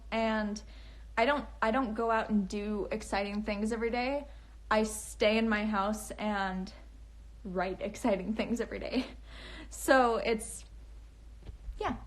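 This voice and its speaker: A young woman chatting on a casual livestream from home, talking in a nervous valley-girl way with lots of fillers and restarts. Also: fairly high pitch. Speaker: author livestreaming to fans. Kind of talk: casual livestream chat, reading comments. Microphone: phone.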